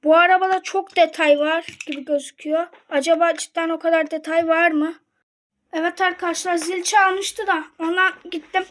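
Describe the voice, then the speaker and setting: A young woman talks casually and excitedly to her viewers. She unboxes toy cars and fills the talk with quick reactions and comments. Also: very high voice. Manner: chatty and excited, addresses viewers directly.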